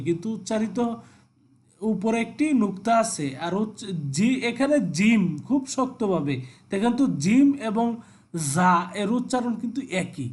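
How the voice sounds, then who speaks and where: High-voiced male Quran teacher. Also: a little mellow. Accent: Bangladeshi Bengali. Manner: repetitive, instructive, checks with "ঠিক আছে?". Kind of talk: explaining Arabic letters in a video class.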